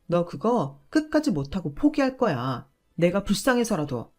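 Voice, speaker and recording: A woman's voice: medium pitch, big pitch swings, normal speed. Woman playing a sneering, selfish husband. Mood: angry. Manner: dismissive and sneering. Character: selfish, defensive young husband, quick to argue.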